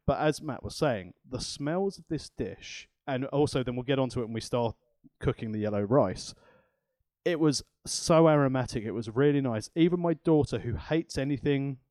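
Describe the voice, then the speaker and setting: A man's voice: mid-range voice, lively intonation, normal speed, a little mellow, no room sound. A man co-hosting a cooking podcast in a chatty, rambling way with self-deprecating asides. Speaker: podcast co-host. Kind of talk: casual chat.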